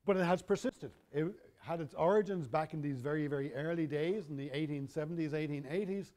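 Middle-aged male lecturer, slightly higher voice, dry humour, casual delivery with frequent self-corrections. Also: fairly quick, darkish tone. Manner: wry, conversational, self-correcting. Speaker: university lecturer. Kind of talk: university lecture.

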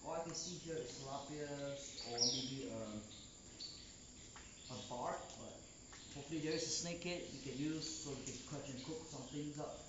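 A man's voice: medium pitch, moderate pace, reverberant, highs cut off, heavy background noise. A man, hosting and narrating a casual outdoor fishing vlog. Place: outdoors at a cliff and cave.

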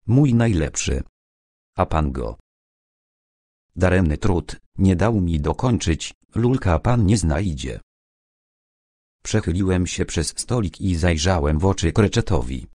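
A man reading a crime audiobook aloud in the first person, in a low-key, dry storytelling manner. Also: mellow, dry recording. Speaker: audiobook narrator. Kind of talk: scripted narration.

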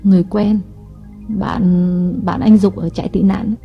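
A woman voicing a calculating young wife in an audiobook, speaking in a coaxing, deliberate way. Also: mid-range voice, level tone, gravelly. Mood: casual. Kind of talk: audiobook reading. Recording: dull lo-fi audio with faint music.

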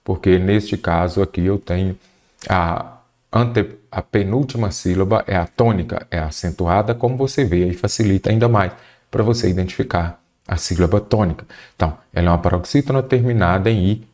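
A man with a fairly low voice leads an exam-prep grammar lesson. He keeps asking a question and then answering it himself. He slows down on key terms so they stand out. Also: darkish tone. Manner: explanatory, asks and answers own questions; stretches key terms slowly for emphasis. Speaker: Portuguese teacher.

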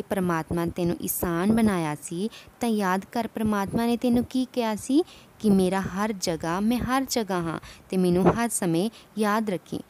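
A woman voicing a gentle, wise male saint who teaches in a calm, instructive way in a devotional story. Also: high-pitched, close to an everyday voice.

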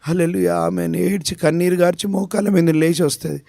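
A man's voice: high-pitched, fairly even intonation, fairly quick, vocal fry, mellow, dry recording. A man with a Telugu accent preaching a sermon, emphatic, repeating phrases and asking his listeners questions. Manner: acts out short prayers and dialogues in his own voice. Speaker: pastor.

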